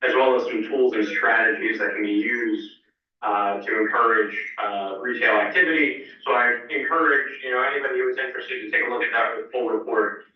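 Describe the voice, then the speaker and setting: A man's voice: mid-range voice, brisk. Man, business presenter, heard via a phone held to a mic in a meeting room, roomy and distant, uh-filled delivery. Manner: steady, with frequent "uh" fillers. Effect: voice from a cell phone held up to a microphone. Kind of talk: formal presentation over the phone. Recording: muffled phone sound through a very echoey hall, from far off.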